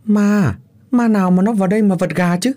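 A man doing a gruff irritable country husband. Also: medium pitch, big pitch swings, normal speed. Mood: angry shouting. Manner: shouting, snapping angrily. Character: gruff, irritable rural Vietnamese husband, middle-aged.

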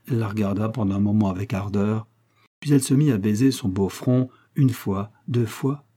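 Male audiobook narrator, very dark tone, measured, even reading. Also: fairly low pitch, slightly rough. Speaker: audiobook reader. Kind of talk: scripted narration.

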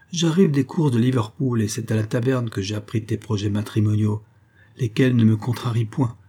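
A man reading an audiobook, voicing a taunting blackmailing swindler in a raised, loud voice. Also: lowish voice, husky. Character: mocking blackmailing swindler, male adult.

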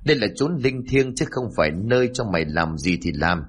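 Man doing a sly, blustering village healer, low and husky. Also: moderate pace. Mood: menacing. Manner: smug, then threatening. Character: scheming male village healer, blustering and harsh.

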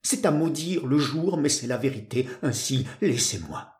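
A man voicing a grave young woman who speaks in a bitter, despairing, hushed way, in a storybook reading. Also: mid-range voice, expressive, normal speed, natural voice. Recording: roomy echo.

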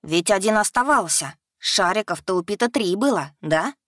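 A woman's voice: mid-range voice, moderate pace, no echo, studio quality, close to an everyday voice. A woman doing a chatty young dragon boy. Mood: pushy. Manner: talkative, excited. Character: chatty, restless young male dragon student.

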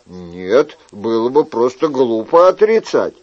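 A man's voice: medium pitch, sing-song, slow, darkish tone, lo-fi sound. A man reading an audiobook, voicing a timid, flustered innkeeper who talks plaintively and simply.

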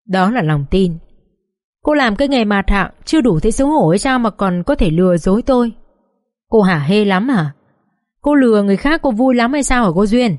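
A woman's voice: medium pitch, darkish tone, no echo, studio quality, lightly acted. A woman voicing an older mother-in-law in an audiobook, betrayed and grieving, reproaching through choked tears. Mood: scolding. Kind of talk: audiobook character voice.

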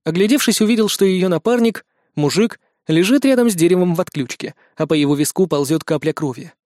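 High-voiced male audiobook narrator. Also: no echo, clean studio sound. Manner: steady, measured storytelling. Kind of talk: first-person audiobook narration.

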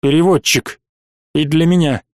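Stern, weary colonel on a warship, clipped commands, read by a man, slightly high voice, dry. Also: steady tone, moderate pace, dry recording, natural voice. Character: stern weary middle-aged male space colonel.

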